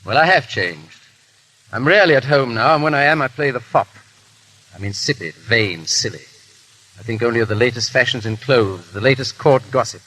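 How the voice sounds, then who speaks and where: An actor playing a grave, resolute English baronet who secretly rescues the condemned, in measured 1930s radio style with an English accent. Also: male voice, mid-range voice, animated, sharp tone, poor audio. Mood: resolute, impassioned. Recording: hissy 1930s radio broadcast.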